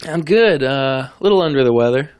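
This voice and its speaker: A man's voice: mid-range voice, lively intonation, brisk, darkish tone, smooth, no room sound. Joking male radio co-host, dry studio sound. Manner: joking, teasing banter. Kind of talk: casual radio chat.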